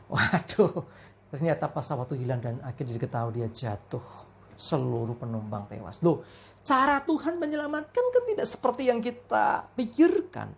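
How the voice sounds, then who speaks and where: A woman's voice: medium pitch, creaky. A woman preaching a family worship sermon, telling stories with frequent fillers.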